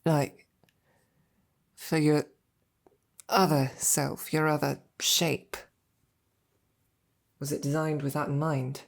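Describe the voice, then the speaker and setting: A woman performs a full character voice as a devoted yet self-doubting female royal knight in intimate roleplay audio. Low and gravelly, she speaks hesitantly, informally and tenderly at a slow pace with many pauses and little pitch movement, sounding curious and gentle.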